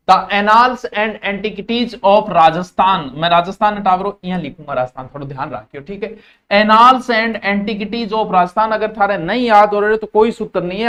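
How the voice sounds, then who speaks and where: A man's voice: high-pitched, a bit bright, dull audio. A man with a Rajasthani accent teaching a live exam-prep class. He drills key terms by repeating them.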